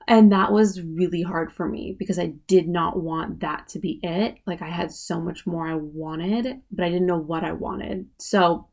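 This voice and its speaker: This is casual solo podcast talk from a woman in her late thirties whose fairly low voice carries vocal fry. She's chatty and keeps dropping "like" and "you know what I mean" as fillers.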